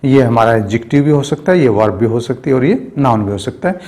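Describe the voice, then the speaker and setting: A man teaching an English grammar lesson. He explains things slowly and step by step, and he keeps asking "right?". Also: mid-range voice, lively intonation, warm tone. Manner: slow, explanatory, often asks "right?".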